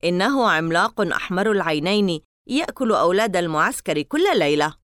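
A woman's voice: on the low side, lively intonation, fairly quick, fairly bright tone, dry recording, clean studio sound. A woman voicing a sarcastic, skeptical boy at summer camp. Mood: dismissive. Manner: sarcastic, dismissive.

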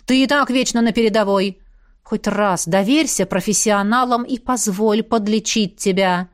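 A woman's voice: medium pitch, natural voice. A woman reading the lines of a stern, bossy female academy rector in an audiobook. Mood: scolding. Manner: brisk, commanding.

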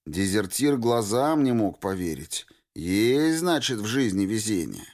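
Low-voiced male audiobook narrator. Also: big pitch swings, a little slow, darkish tone. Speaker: audiobook reader. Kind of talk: scripted narration.

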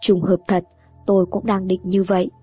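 A woman's voice: medium pitch, level tone, moderate pace, mellow, breathy edge, no echo, faint music behind. A woman reading a first-person horror story aloud in a tense, brooding way. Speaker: narrator. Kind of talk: scripted horror story narration.

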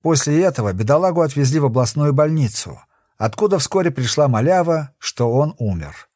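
A man reads a thriller audiobook in a dramatic, expressive scripted narration. His voice sits a bit high and moves lively in pitch, and the recording is close and dry with no room sound. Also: fairly quick, dry recording.

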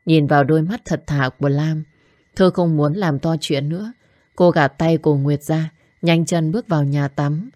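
Low-voiced woman narrating a story. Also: moderate pace, dark tone, no echo, clean studio sound.

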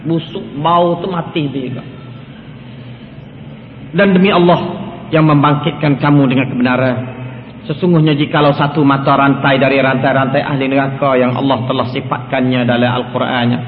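A man's voice: on the high side, slight background noise. A man preaching a religious lecture in colloquial speech, repeating phrases for emphasis. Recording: tinny phone-like sound in an echoey hall.

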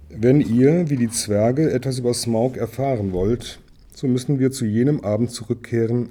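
Man, audiobook narration, low voice, husky tone, steady storytelling. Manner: steady storytelling with small slips. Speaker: audiobook reader.

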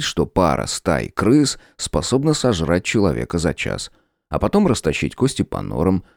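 A man reading a first-person audiobook in a gruff, sardonic storytelling manner. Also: low-pitched, darkish tone, no echo, studio quality. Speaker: audiobook narrator.

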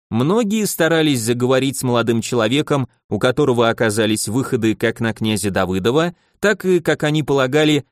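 A man of medium pitch narrates a novel as an audiobook reader, steady and measured throughout. The scripted performance is studio quality, with no echo.

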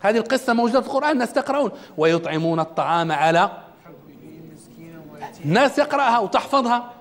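A man's voice: very high voice, expressive, very fast. A man giving a self-development lecture in a classroom, asking the audience questions as he goes. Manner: religious quotations in the talk. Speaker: trainer.

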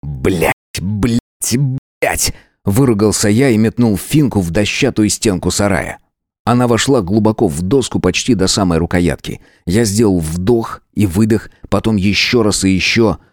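A man's voice: lowish voice, moderate pace, no room sound, studio quality. A man narrating a first-person crime novel as an audiobook with dramatic delivery. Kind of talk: scripted narration.

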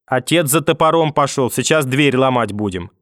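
Here the same audiobook narrator plays the enraged, cruel grandmother in a threatening mood as she scolds, curses and makes threats. He speaks at a normal speed with medium pitch and lively intonation, sounding much like an ordinary voice. It's a dry, studio-quality recording.

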